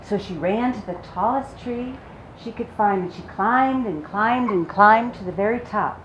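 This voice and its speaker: A woman telling stories to young children in an animated, sympathetic read-aloud style. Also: mid-range voice, unhurried, lo-fi sound. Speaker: children's storyteller. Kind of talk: expressive picture-book read-aloud. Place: public library story time room. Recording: echoey room with clear background noise.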